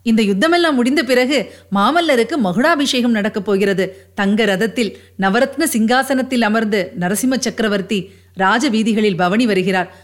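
A spirited young wife with quick, proud retorts, as a woman reading a novel aloud voices her. Her voice is high and clear. She speaks with sure, witty confidence. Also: close to an everyday voice. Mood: dreamy.

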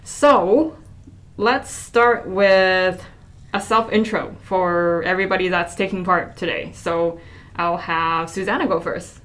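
A woman's voice: fairly low pitch, slow, a bit bright. Upbeat woman hosting a podcast. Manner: upbeat, leads the talk with questions. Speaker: podcast host. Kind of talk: casual podcast chat.

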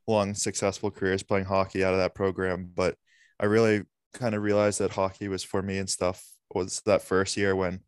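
Young male podcast guest, clear and smooth, dry close sound, measured and earnest. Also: low voice, no room sound. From Massachusetts. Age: young adult. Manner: earnest, measured, frequent fillers. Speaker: podcast guest, college hockey player. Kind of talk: casual interview answers.

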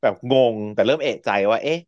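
Chatty male podcast host, playful storyteller, mid-pitched voice, dry slightly dull recording. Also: lively intonation, quick pace, darkish tone, no room sound. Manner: chatty and playful, laughs often, acts out character lines. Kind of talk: casual chat recapping a TV series.

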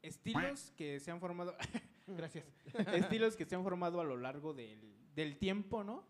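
A man's voice: high voice, lively intonation, normal speed. A man with a Mexican accent, a podcast co-host, thinking aloud hesitantly with many fillers. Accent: Mexican Spanish. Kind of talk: casual group chat.

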